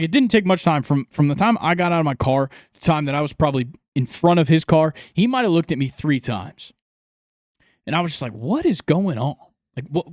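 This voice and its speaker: A podcast host telling a rambling, animated story in casual chat, with many fillers and restarts. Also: male voice, a little high, no echo, studio quality.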